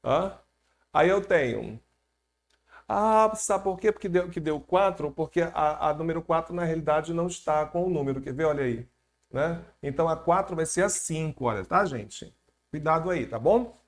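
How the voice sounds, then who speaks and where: A man with a Brazilian Portuguese accent teaching an exam-prep grammar lesson, lively and jokey as he quizzes the class. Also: a little high, normal speed.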